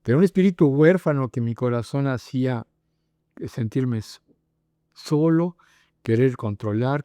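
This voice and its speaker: A man's voice: mid-range voice, dark tone, no echo. A middle-aged male pastor, preaching and praying with fervent emphasis. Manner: earnest, fervent, with rising prayerful emphasis. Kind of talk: sermon and prayer.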